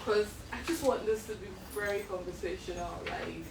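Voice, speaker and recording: A woman's voice: medium pitch, normal speed, vocal fry. A woman from Nigeria, hosting a book club chat before a live audience and laughing often with them. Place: library event room with an audience. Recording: echoey room, mic far off, noisy.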